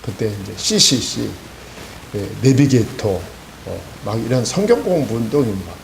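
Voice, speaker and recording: A man's voice: mid-range voice, big pitch swings, moderate pace, gravelly. A man in his sixties with a Chungcheong accent, preaching an evening sermon in a folksy storytelling way, with frequent affirming interjections. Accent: Chungcheong Korean. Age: 60s. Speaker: pastor. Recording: echoey church hall with faint hiss.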